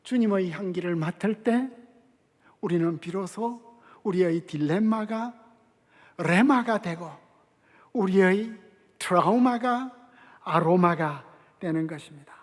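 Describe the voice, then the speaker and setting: An older man preaching a sermon as a guest pastor, emphatic and measured, with dramatic pauses and hushed drops in his voice. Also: high-pitched. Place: large church sanctuary. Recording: long church hall reverb.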